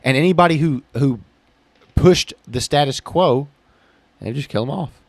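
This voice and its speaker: A podcast co-host with a voice on the high side chats casually at normal speed, laying out his views in a plain, matter-of-fact way peppered with "literally" and "like." He's recorded in a small building with no room sound.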